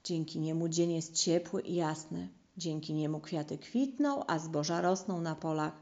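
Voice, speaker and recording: A woman voicing an anxious, fussy father mouse in a storybook, calling out loudly and eagerly. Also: low voice, moderate pace.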